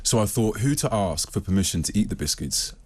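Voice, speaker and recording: Fast-talking British man with a low voice. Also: animated, darkish tone, husky. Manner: mock-defensive storytelling, quick. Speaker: radio producer. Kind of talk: studio banter. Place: radio studio.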